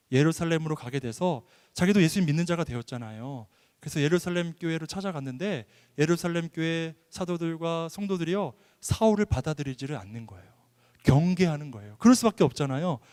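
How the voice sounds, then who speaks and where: Male pastor, fairly high voice, animated sermon storytelling, reverberant church hall. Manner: animated storytelling with frequent laughs and acted-out quotes.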